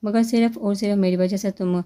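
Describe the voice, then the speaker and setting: A woman's voice: mid-range voice, steady tone, dark tone, close to an everyday voice. Woman reading as a regretful, caring businessman. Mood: remorseful. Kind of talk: storybook reading.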